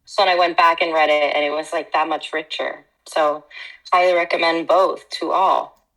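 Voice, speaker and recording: A woman's voice: low voice, level tone, normal speed, a bit bright, low-quality recording. A woman co-hosting a podcast in blunt, frank, laughing casual chat. Her voice plays from earbuds through laptop speakers and is picked up again by a laptop microphone. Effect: voice played through laptop speakers from earbuds and re-recorded by a laptop mic. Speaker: podcast co-host.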